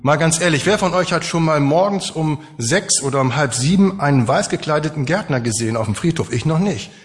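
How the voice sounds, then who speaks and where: A man's voice: fairly high pitch, expressive, a little fast. A man preaching a sermon to his congregation, conversational and emphatic, with rhetorical questions.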